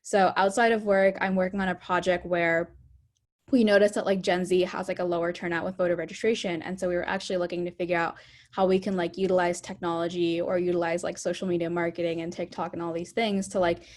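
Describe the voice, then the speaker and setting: A woman's voice: fairly low pitch, flat delivery, fast talker. A young woman in her twenties, a product manager speaking on an online panel, who fills her speech with "like" and stumbles now and then.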